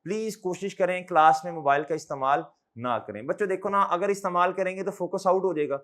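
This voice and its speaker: A man's voice: high voice, brisk, fairly bright tone. A male accounting lecturer with a Pakistani Urdu accent, talking to his class in a fatherly, scolding way and firing questions back at the students for a chorus answer.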